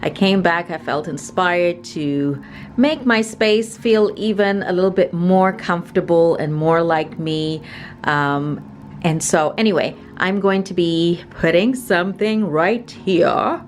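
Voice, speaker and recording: A woman's voice: on the low side, slow, slight background noise. A middle-aged woman narrating a casual vlog in a chatty, confiding way. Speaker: vlogger.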